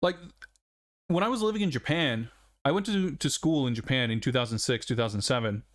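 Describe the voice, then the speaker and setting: Chatting on a game stream, a forties-aged man from Sweden whose first language is Swedish rambles casually and reflectively, chuckling often. His mid-range voice moves fairly quickly.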